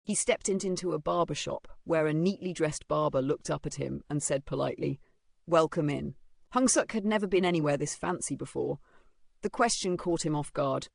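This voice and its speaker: A narrator telling a story recap with dramatic, halting phrasing, close on a dry mic. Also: mid-range voice, creaky, no echo.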